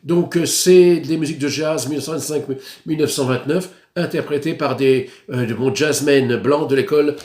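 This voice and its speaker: A man's voice: on the high side, a little mellow. Hesitant French-speaking man in echoey room. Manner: hesitant, many fillers, unhurried. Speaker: record collector vlogger. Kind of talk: casual show-and-tell of purchases.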